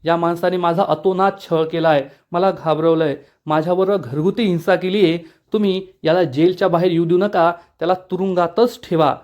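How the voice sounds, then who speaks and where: A man's voice: high-pitched, steady tone, moderate pace, hardly any pauses, a little mellow, natural voice. A man reading the lines of an abused wife who firmly accuses her husband before the police. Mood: accusing. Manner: firm, accusing. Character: abused wife, woman, finally defiant. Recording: dull lo-fi recording.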